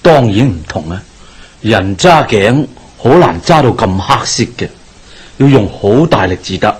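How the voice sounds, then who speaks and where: In a radio drama, a man with a Hong Kong Cantonese accent plays a calm, authoritative Taoist exorcist master. He speaks in a measured, knowing, formal manner, his voice lowish and husky.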